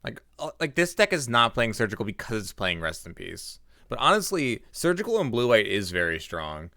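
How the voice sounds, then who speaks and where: Animated male streamer on a dry headset mic. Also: on the low side, normal speed, no room sound. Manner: chatty, reacts aloud while playing, talks to chat. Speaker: livestreamer and card game player. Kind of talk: live gameplay commentary.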